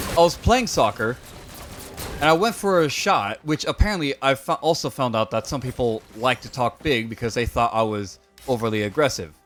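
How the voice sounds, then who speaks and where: A young adult man with a medium-pitched, somewhat bright voice streams a game and chats casually with viewers. His stories ramble and joke along, full of filler words.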